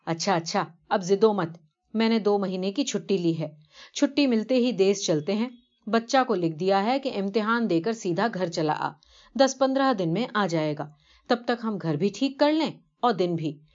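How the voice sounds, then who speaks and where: A woman voicing a calm husband soothing his wife in a story reading, on a dull lo-fi recording. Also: mid-range voice, lightly acted. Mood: placating. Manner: soothing, placating. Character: husband, young father, calm and placating.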